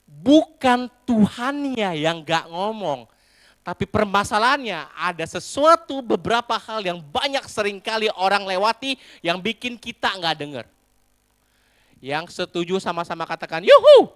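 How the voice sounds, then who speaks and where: A male pastor, giving a lively comic sermon in animated storytelling, calling out to the crowd. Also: sits high, unhurried, no echo. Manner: animated storytelling with a sing-song rise and fall and crowd call-outs.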